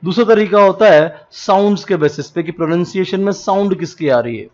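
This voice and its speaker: A man's voice: high voice, fairly quick. A male teacher with a North Indian accent lecturing in a classroom style, mixing in English terms and spelling letters out one by one. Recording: dull lo-fi recording.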